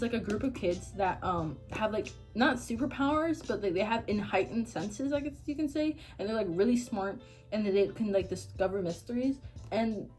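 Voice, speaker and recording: A woman's voice: mid-range voice, a little mellow. Young woman, book vlogger, casual rambling chat, lots of "um" and "like", faint music behind. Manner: rambling, full of fillers and restarts.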